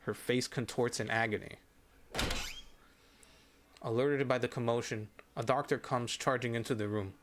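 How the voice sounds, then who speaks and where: A man reading a sad short story aloud from a game, in steady narration. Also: mid-range voice, moderate pace, pauses often. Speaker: streamer reading game stories.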